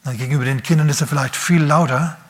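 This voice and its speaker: Male pastor, sermon, fairly high voice, emphatic, questioning, shifts from urgent to hushed. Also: steady tone, quick pace. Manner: emphatic preaching with rhetorical questions to the listener; swings between raised, urgent phrases and quiet, low asides.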